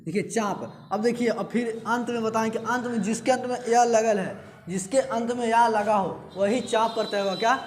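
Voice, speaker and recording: A man's voice: high-pitched, fairly even intonation, moderate pace, few pauses. A man teaching a lecture class, often repeating terms and asking and answering his own questions. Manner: repetitive drilling, asks and answers own questions. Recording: echoey room, faint background hiss.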